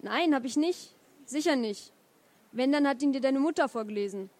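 A woman's voice: sits high, animated, normal speed, darkish tone. Woman reading a confused old grandfather.

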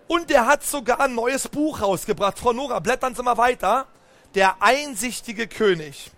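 A high-voiced man telling a picture-book story to a crowd of children. He is animated and keeps turning to the kids with questions. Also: moderate pace. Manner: animated, talks straight to the children, asks them questions. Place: book fair stand.

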